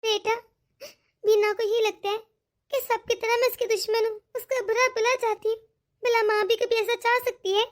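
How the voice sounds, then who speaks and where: A woman voicing a worried aging mother in a cartoon, gentle and coaxing. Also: extremely high pitch, flat delivery, normal speed. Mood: fretful. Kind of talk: cartoon dialogue.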